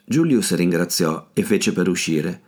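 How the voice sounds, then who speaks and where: A man narrates an audiobook in a steady, measured manner. His voice sits very low. The reading is carefully scripted. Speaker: audiobook reader.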